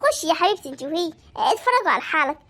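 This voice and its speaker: A woman's voice: very high-pitched, sing-song, very fast, pushed and bright. A woman hosting a channel who gives an upbeat, affectionate intro. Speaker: channel host.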